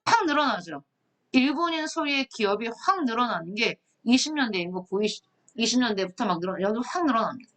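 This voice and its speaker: A woman teaching a history lecture, lively and questioning, often asking her students to look and answer. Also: fairly high pitch, brisk. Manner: lively, asks students questions, reads captions aloud. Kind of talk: online lecture.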